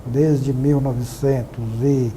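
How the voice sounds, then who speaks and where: Guy in his 60s, formal testimony, dark warm voice, faint noise behind. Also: mid-range voice, flat delivery, poor audio. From Bahia, Brazil. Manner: measured, deliberate recounting of past events. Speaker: witness giving testimony.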